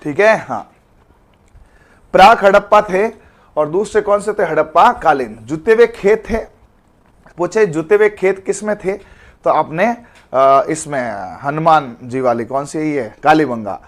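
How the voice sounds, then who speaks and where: Male tutor, fairly high pitch, informal, joking live online class. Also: unhurried. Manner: chatty, calls students beta, jokey memory tricks. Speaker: teacher.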